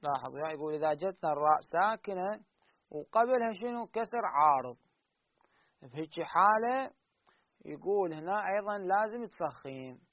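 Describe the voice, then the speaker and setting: A man teaching Quran recitation rules, asking his students questions and answering them himself, drawing out the example words slowly. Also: sits high, lively intonation. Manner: drawn-out slow recited examples. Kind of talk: teaching lesson. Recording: dull lo-fi recording.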